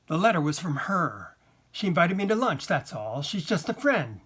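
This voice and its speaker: A man voicing a resentful husband in a read-aloud story, indignant and forceful in his outbursts. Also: on the high side, breathy edge, exaggerated voice. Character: resentful husband demanding respect.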